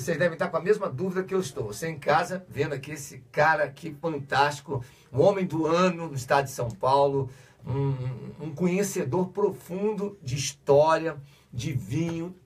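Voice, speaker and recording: Man, radio host, eager exclamations, raspy breathy voice, mic at a distance. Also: a little high. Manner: eager, exclamatory, addresses listeners. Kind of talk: enthusiastic radio interview.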